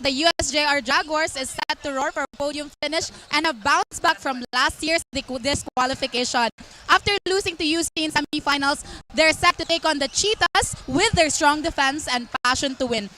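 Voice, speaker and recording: Bright, high-pitched Filipino female courtside reporter. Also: slight background noise, low-quality recording. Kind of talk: scripted sports sideline report.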